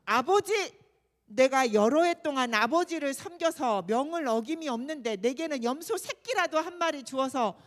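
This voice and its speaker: A woman's voice: sits high, animated, normal speed, big-room sound. A woman voicing a resentful elder son in a Bible story, speaking in an indignant, complaining way.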